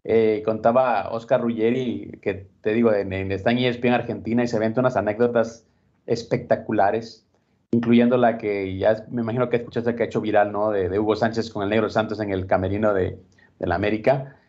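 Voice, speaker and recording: A man co-hosting a casual boxing talk show, reflective and steady, often tagging his points with a question. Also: on the low side, fairly quick. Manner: reflective, steady, frequent "¿no?" tags. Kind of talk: casual sports chat. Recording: dull lo-fi recording.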